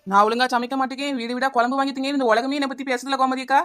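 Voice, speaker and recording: Chinnaponnu, a chattering high-voiced housewife. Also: female voice, level tone, rapid-fire, fairly bright tone. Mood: wheedling. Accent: Kanyakumari Tamil. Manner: chattering, wheedling, repeats the neighbour's name. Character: scatterbrained housewife Chinnaponnu, adult woman. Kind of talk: cartoon comedy dialogue.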